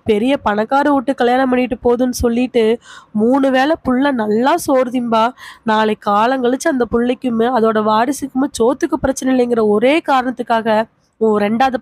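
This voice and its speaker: A woman's voice: on the high side, a little mellow, dry recording, lightly acted. A woman voicing a bitter young village wife, accusing her in-laws in a storybook reading. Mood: resentful. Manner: accusing, reproachful, rapid questioning. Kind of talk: audiobook character reading.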